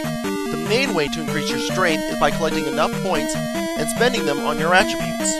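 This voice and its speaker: A man with a slightly high voice narrates a scripted game review. He sounds opinionated, and music plays loudly behind him. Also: poor audio. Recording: loud music bed under voice. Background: loud music.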